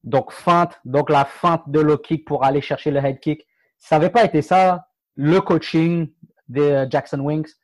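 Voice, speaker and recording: A man talks casually about combat sports, his voice sitting a little high for a man. He hesitates, restarts and jokes along the way. The recording is close and dry, with no room sound. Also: steady tone, no room sound. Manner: halting, many fillers and restarts, playful. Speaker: MMA podcast co-host.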